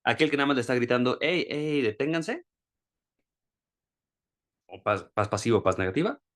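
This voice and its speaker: A man teaching an online class over a video call. He explains a concept in a plain, everyday speaking voice, often restarting and repeating words. When he gives an example he raises his pitch. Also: animated, racing, a bit bright. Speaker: course instructor.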